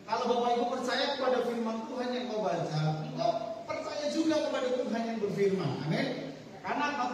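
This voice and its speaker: High-voiced male preacher in an echoing hall. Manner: conversational, checking in with the congregation. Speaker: pastor preaching at a church service. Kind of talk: sermon with prayer. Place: large echoing room at a church service, some held online too. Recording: echoey hall, distant mic, faint noise.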